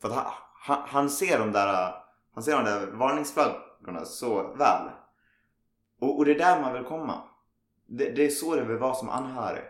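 A man hosting a podcast in casual conversation, telling stories animatedly and acting out what others say. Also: mid-range voice. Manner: animated storytelling, acts out others' remarks. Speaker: podcast host. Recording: roomy echo.

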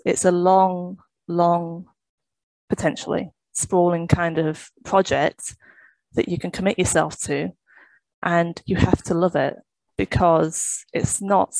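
A woman's voice: fairly low pitch, creaky, a little mellow, no room sound, poor audio. A woman with a British accent, chatting casually as a guest in an interview. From United Kingdom. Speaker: podcast guest, webcomic creator.

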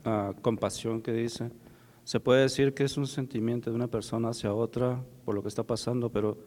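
A man's voice: mid-range voice, steady tone, brisk, darkish tone, long reverb tail. A man in a Bible class asking the pastor a question, hesitant and searching for words.

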